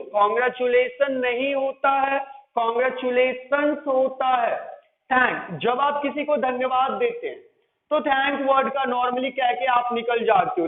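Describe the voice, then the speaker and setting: A man with an Indian accent teaching an English grammar lesson in Hindi, repeating and correcting common mistakes. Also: extremely high pitch. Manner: repetitive, correcting and drilling. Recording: echoey room over a tinny lo-fi line.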